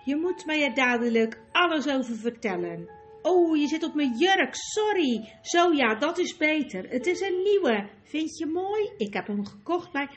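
A woman reading an audiobook voices a vain, giggly young noblewoman with a slow drawling voice. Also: high-pitched, sing-song, faint music behind, voice pushed up. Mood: gushing. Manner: chatty, loud, giddy. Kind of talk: audiobook character voice.

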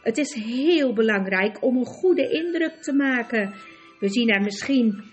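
A woman's voice: on the high side, expressive, a little slow, soft background music. A woman voicing a vain, pompous male talking warhorse in a storybook reading, haughty and easily flustered. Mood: indignant.

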